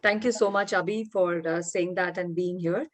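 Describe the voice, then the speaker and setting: A woman's voice: on the low side, steady tone, normal speed. Woman facilitator on a video call, encouraging, quizzing the group. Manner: warm encouraging, asks participants questions. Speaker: workshop facilitator and founder. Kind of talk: online workshop teaching.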